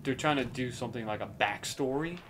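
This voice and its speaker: Bright-voiced man bantering over a video game. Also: medium pitch, brisk, slight background noise. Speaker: gamer playing and commenting. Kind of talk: casual gameplay banter.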